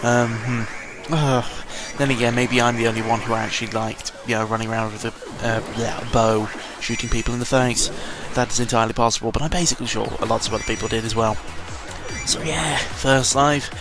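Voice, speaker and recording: Brisk and steady in tone, a British man with a medium-pitched voice rambles casually through game commentary for his gaming vlog. He digresses, swears, and often corrects himself as he goes, while music plays underneath.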